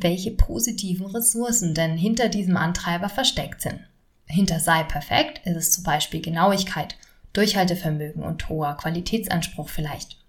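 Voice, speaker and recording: A woman, hosting a solo podcast on stress and talking straight to the listener in a friendly way. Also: on the low side. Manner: friendly, addresses listener directly. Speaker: podcast host and stress coach. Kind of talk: solo podcast talk with exercises.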